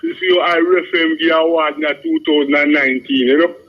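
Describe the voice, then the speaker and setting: A very high-voiced Jamaican man calls in on a dull, lo-fi radio line. He speaks loose Rasta-style Patois, rambling and insistent, tagging phrases with 'you know'. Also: huge pitch swings, brisk. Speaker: radio phone-in caller.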